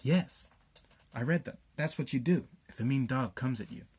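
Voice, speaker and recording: A man's voice: medium pitch, moderate pace, darkish tone, husky, lightly acted. A man voicing a sensible, protective young boy who gives urgent instructions in a children's story read aloud. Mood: firm, scolding.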